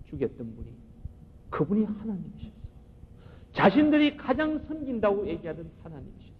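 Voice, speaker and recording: A male pastor preaching a sermon with emphatic, animated delivery, often asking the congregation questions. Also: on the high side. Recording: muffled recording in a reverberant hall.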